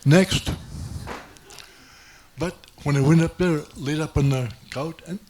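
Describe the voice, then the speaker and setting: A man's voice: a little high, normal speed, dark tone. A man doing stand-up, telling a rambling self-mocking story with many restarts. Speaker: stand-up comedian. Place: comedy club stage.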